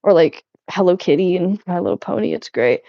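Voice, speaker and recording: A young adult woman chats loosely with her viewers while cleaning on a live stream, giggling and swearing a lot. Her voice is lowish and a little fast, with lively intonation and vocal fry. The recording is dry and slightly muffled.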